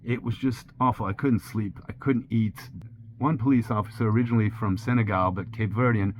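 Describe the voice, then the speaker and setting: With a lowish voice and a slightly fast delivery, a man in his sixties recounts an ordeal he went through. French is his first language, and he's a sailing vlogger telling his story plainly, candidly, and with steady pacing. The audio sounds a little dull and carries a faint hiss.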